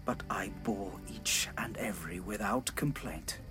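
A man voicing an ancient elf king whose calm, sharp anger swells into shouts, in a dramatized fantasy audiobook. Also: mid-range voice, a little slow, over music, lightly acted. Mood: grim anger. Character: ancient elf king, grief-stricken, raging, proud.

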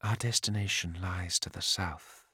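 A man voicing a serene, regal divine queen in a soft, measured, stately way. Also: low voice, steady tone, slightly rough, no echo, studio quality, heavily acted.

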